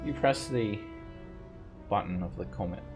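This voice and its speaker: A man running a tabletop role-playing game, narrating scenes in a measured, descriptive way. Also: fairly low pitch, a little mellow, soft background music. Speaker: game master.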